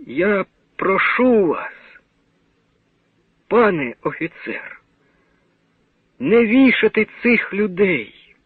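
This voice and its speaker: A man voicing a gentle middle-aged nun who quietly and earnestly pleads, in a dramatic radio reading. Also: high voice, big pitch swings, extremely slow, long pauses, slightly rough, no echo, pitched above the performer's own voice, exaggerated voice. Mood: pleading. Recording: narrow old radio broadcast sound.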